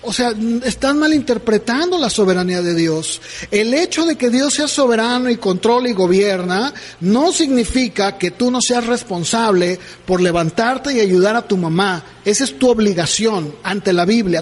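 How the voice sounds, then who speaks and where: A male pastor preaching a sermon, telling a story and acting out the people in it, then reading scripture aloud. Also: sits high. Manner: animated, acts out conversations in quoted voices. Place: church. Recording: reverberant church hall.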